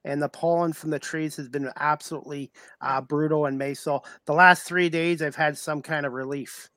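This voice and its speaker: A man co-hosting a podcast who also covers sports, speaking in a steady, slightly formal way. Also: a little high, normal speed, dry recording. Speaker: podcast co-host, sports media member. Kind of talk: casual chat, hosting.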